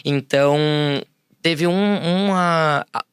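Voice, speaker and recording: A man, a music therapist and school founder, telling stories as a podcast guest in a relaxed way with many fillers. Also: a little high, takes it slowly, clear, resonant tone, no room sound, studio quality. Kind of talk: casual interview storytelling.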